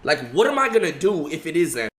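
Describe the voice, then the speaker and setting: Man, streamer storytelling, stammering repeats, swearing, bright tone, slightly high voice. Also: big pitch swings, fast. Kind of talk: emotional casual storytelling.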